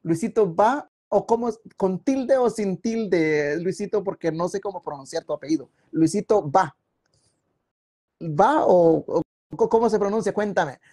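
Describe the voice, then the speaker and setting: At his computer at home, a man with a high, darkish voice chats casually on a live stream, unhurried. He reads viewer comments aloud and drifts from one topic to the next.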